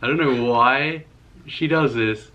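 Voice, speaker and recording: Young male co-host, easygoing and halting, mid-pitched, muffled lo-fi recording. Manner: relaxed, easygoing, halting with fillers. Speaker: co-host of a couple's channel. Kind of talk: casual Q&A chat.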